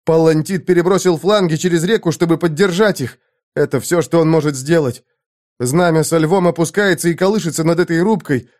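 A young squire shouts in a high, breathless, frantic voice, as a male reader acts him out. Every line comes out loud and urgent, like a storybook lookout calling a battle. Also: brisk, lightly acted. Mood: excited.

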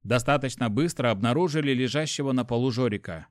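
A man reading a first-person audiobook in an even, matter-of-fact way on a close studio mic. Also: medium pitch, fast, no echo. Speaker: audiobook narrator.

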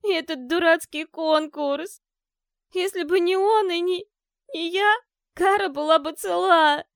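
A woman voicing a grieving teenage younger sister who cries and shouts accusations. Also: very high-pitched, a little slow, vocal fry, dry recording, studio quality, pitched above the performer's own voice, full character voice. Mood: tearful, accusing. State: crying. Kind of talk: audiobook character voice.

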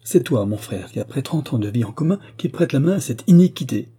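A man's voice: medium pitch, lively intonation, fairly quick, breathy edge, pitched above the performer's own voice. A man doing a bitter, curt spinster. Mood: bitter fury. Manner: curt, sharp and venomous. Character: bitter, furious middle-aged female housekeeper. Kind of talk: audiobook character reading.

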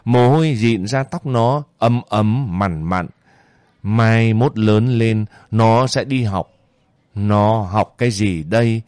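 A man reading a story aloud in a steady, measured way. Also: lowish voice, no echo. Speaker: narrator. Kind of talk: scripted story narration.

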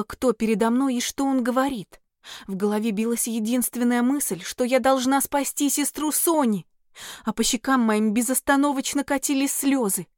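Brief: female audiobook narrator, emotional delivery, fairly high voice, dry close recording. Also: a little mellow, no echo. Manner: emotional, dramatic reading. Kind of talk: first-person fantasy audiobook narration.

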